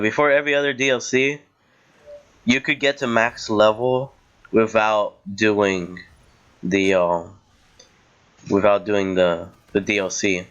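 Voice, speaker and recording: A young man who is coming down with something rants over gameplay as a gaming channel host, his casual voice-over rambling with lots of fillers and restarts. His voice is fairly low and a bit bright, and the audio sounds dull.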